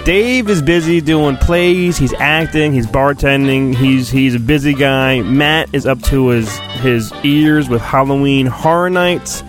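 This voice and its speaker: Soft music plays behind a middle-aged man hosting a solo podcast at a medium pitch, talking a little slowly yet with hardly any pauses. He rambles casually and reads a storybook in mock-dramatic style, joking at his own expense.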